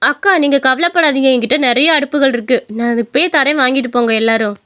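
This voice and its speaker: A woman voicing a hardworking elder daughter-in-law in a cartoon story, shrill and protesting. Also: quick pace, pushed and bright, clear, resonant tone. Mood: eager.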